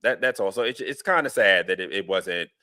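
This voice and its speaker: A man's voice: on the low side, animated, brisk, pushed and bright, no echo, studio quality. A man in his forties from Brooklyn, hosting a casual political chat podcast, rambling with lots of fillers. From Brooklyn, New York. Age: 40s. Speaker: podcast host.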